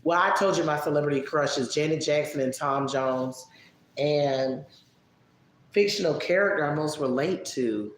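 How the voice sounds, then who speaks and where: A man casually answering viewer questions on a live stream, relaxed and chatty, musing aloud as he thinks. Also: fairly high pitch, normal speed. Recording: echoey room with faint background noise.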